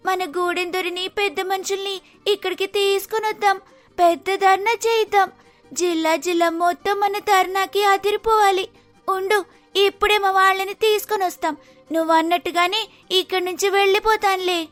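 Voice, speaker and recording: A woman's voice: very high voice, level tone, normal speed, a bit bright, soft background music. A woman voicing a clever, defiant young daughter-in-law in a cartoon story, speaking firmly and declaratively. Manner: firm, declaring, scheming.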